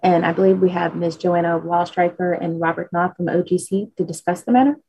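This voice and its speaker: A woman's voice: on the low side, steady tone, brisk, dark tone, breathy edge, no echo, rough recording. A woman chairing a formal government commission meeting in a courteous, procedural manner.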